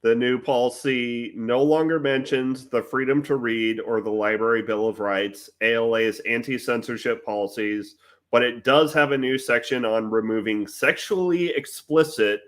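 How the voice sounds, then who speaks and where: A man's voice: medium pitch, moderate pace. A man co-hosting a podcast, reading news articles aloud and chatting easily. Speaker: podcast co-host.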